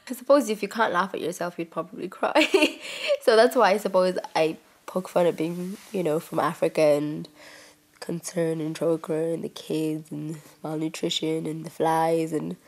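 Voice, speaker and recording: Young woman, comedian, wry and self-mocking, low voice. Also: steady tone, normal speed. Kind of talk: stand-up interview.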